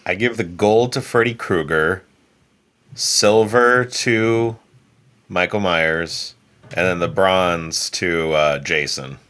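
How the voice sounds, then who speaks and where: A man appearing as a guest on a podcast, talking casually in a halting way and repeating words. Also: low voice, fairly bright tone.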